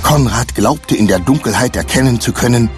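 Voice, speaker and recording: A man reading a children's adventure story aloud with expressive scripted narration. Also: medium pitch, moderate pace, faint music behind. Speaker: audiobook narrator.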